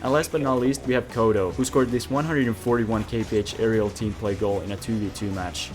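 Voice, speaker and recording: A man's voice: fairly low pitch, steady tone, fairly quick, soft background music. A man hosting a gaming video, talking casually with joking, self-mocking asides. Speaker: gaming YouTuber host.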